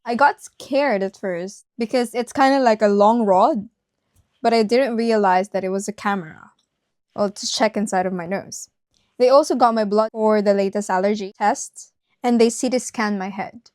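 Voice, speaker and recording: A woman's voice: medium pitch, moderate pace, darkish tone, no room sound, clean studio sound. A woman vlogger narrating a personal story directly to her viewers.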